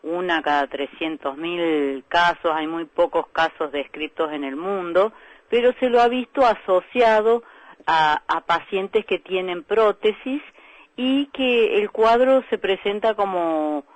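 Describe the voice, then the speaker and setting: Calm Argentine woman doctor, dry sound. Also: fairly low pitch, measured pace, dry recording, rough recording. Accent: Argentine Spanish. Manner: calm explanatory, with frequent "eh" fillers. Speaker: breast specialist doctor, guest. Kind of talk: radio interview.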